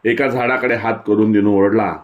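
A man narrating a literary short story in a measured, descriptive way. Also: lowish voice, steady tone, narrow, tinny audio. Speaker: story reader.

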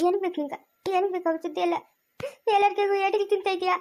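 In an amateur family drama, a woman plays a harsh village mother scolding her young son with question after question. Her voice is very high and darkish in tone, her intonation fairly even, and her pace quick.

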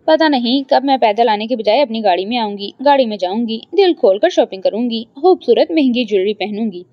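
A woman's voice: a little high, lively intonation, no room sound, lightly acted. A woman voicing a spoiled young woman who complains petulantly and dreams of wealth. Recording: dry, slightly dull lo-fi.

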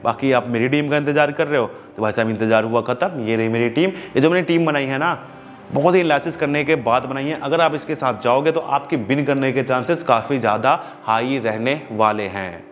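A man's voice: mid-range voice, brisk, slight background noise. A man giving fantasy cricket tips in a chatty, emphatic way, talking straight to his viewers. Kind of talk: casual analysis video.

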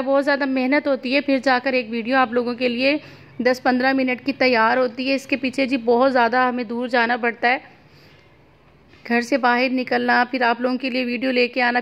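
A woman with a Pakistani Urdu accent, narrating a walking market tour as a vlogger in a chatty, upbeat way, recorded on a handheld phone at an outdoor market. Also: sits high. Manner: chatty, upbeat product pointing.

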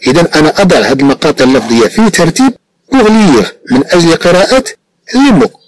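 A man from Morocco with a Moroccan Arabic accent teaches a French lesson, reading phrases slowly and explaining briskly in Arabic. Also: mid-range voice, no room sound, low-quality recording.

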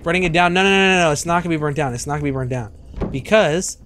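A young man with a slightly high voice jokes his way through a game stream. He swears freely and breaks into loud outbursts, speaking into a studio mic with faint noise behind him. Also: very fast. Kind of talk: casual gameplay commentary. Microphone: studio mic on arm.

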